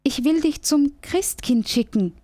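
A woman voicing a cheerful, eager little squirrel in a children's radio story, lively and coaxing. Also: high voice, measured pace, no room sound, clean studio sound, pitched above the performer's own voice.

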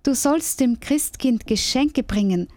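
A cheerful, eager little squirrel from a children's radio story, voiced by a woman. It talks high and brightly, coaxing and lively. The sound is dry and close. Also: a little slow, dry recording.

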